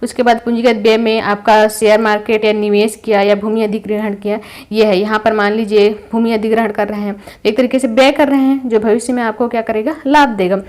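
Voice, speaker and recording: A young woman with a Chhattisgarh Hindi accent and a somewhat high voice teaches an exam-prep class. She explains patiently and often checks that her listeners are following. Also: little pitch movement, a little fast, hardly any pauses, darkish tone. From India. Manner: explains patiently with everyday examples, fillers and check-ins.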